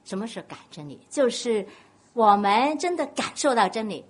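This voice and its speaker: Woman, Cantonese accent, preaching, husky, animated delivery, asks the congregation questions. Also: a little high, moderate pace. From Guangdong, China. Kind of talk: sermon.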